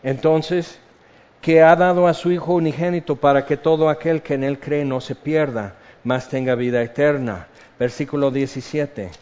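A man preaching a sermon, slow and measured, repeating key phrases for weight. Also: fairly high pitch, steady tone, a little mellow. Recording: dull lo-fi sound.

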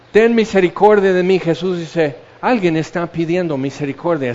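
High-voiced preacher, lo-fi sound. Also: male voice, a little mellow, big-room sound. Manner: conversational preaching with acted-out quotes. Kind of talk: sermon. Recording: dull lo-fi sound.

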